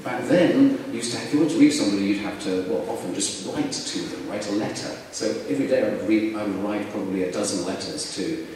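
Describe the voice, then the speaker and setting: A man's voice: on the low side, quick pace, few pauses, darkish tone. A middle-aged man from Essex with a southern English accent, talking in a chatty, digressive and emphatic way in a live on-stage conversation. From Essex, England. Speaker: comics curator and panel speaker. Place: large echoey room, public festival talk. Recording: echoey hall from far off, faint noise.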